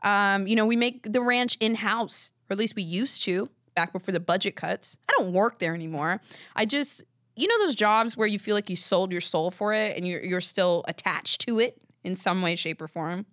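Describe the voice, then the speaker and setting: A woman's voice: mid-range voice, lively intonation, normal speed, a bit bright, no room sound. Rambling woman podcaster, dry close sound. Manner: rambling, candid, swears casually. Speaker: podcast host. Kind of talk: casual solo chat.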